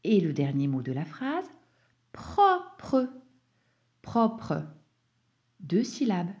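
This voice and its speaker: A woman teacher slowly correcting a dictation for young pupils, spelling words out letter by letter with patient explanations. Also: fairly low pitch, very animated, mellow. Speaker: primary school teacher.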